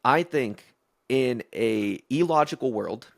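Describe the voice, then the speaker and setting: A man's voice: medium pitch, animated, slow pace, creaky, no room sound. A man co-hosting a podcast in casual chat, playful and speculative, stretching words for emphasis. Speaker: podcast co-host.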